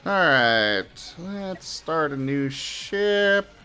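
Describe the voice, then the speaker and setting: A man's voice: on the high side, expressive, drawn-out words, pushed and bright, clean tone, faint music behind. A man hosting a casual gaming livestream, talking upbeat and easygoing over headset audio. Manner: upbeat greetings, easygoing and chatty. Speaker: streamer host.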